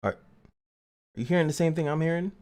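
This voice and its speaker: A man's voice: a little high, fast talker, darkish tone. A man hosting a casual gaming commentary channel, joking and chatty as he reviews a character. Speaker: game reviewer and channel host.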